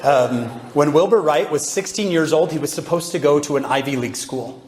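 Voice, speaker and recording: A man giving a lively devotional talk to young people and peppering them with rhetorical questions. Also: fairly high pitch, fairly quick, slight background noise. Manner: animated, asks the audience many rhetorical questions. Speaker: religious speaker addressing youth. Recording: roomy hall with long reverb.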